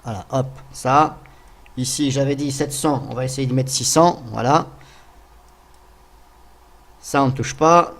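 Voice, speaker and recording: A man narrating a casual software tutorial, thinking aloud as he goes and talking to viewers with frequent hesitant fillers. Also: medium pitch, a little slow, pauses often. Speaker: tutorial host.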